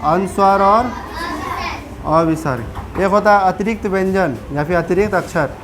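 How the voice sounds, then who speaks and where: A woman's voice: mid-range voice, normal speed, slight background noise. A woman teacher with a Bihari Hindi accent, giving a classroom grammar lesson and often asking the pupils questions to check they follow.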